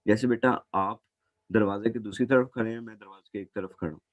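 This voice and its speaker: A man explains physics in a patient classroom lecture, going over each step more than once. His voice sits low. The sound is dry, with no room echo. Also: fairly even intonation, brisk. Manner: patient, repeats points, calls students "beta". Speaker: physics teacher.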